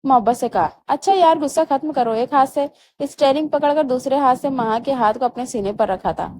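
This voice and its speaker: A woman narrates a romance novel aloud at a steady storytelling pace. Her voice sits high. A faint low noise runs beneath the reading. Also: a little fast.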